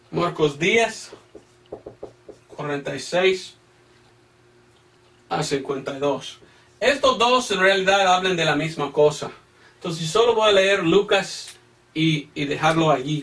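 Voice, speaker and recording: A male evangelist with a high voice delivers a Bible-teaching sermon, reading out verses and repeating phrases for emphasis. He poses pointed rhetorical questions to his listeners. He sounds set back from the microphone, at a distance. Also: slow pace, long pauses, a bit bright. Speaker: evangelist missionary preacher.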